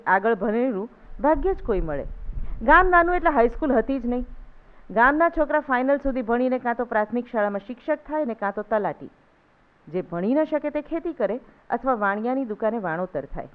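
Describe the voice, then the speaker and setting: Woman reading an essay aloud, measured. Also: fairly high pitch, lively intonation, smooth. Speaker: essay reader. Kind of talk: literary essay recitation. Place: literary hall event. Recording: thin phone-like sound.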